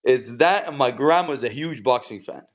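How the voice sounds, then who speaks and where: In a casual interview, a pro boxer from Canada trades stories in easygoing, slangy language. His voice is mid-range, his intonation lively, and his pace moderate.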